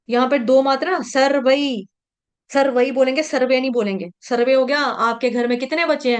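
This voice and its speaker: A woman teaching how to recite Sanskrit verses, patiently repeating each syllable and chanting lines slowly. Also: sits high. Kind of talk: slow syllable-by-syllable pronunciation lesson.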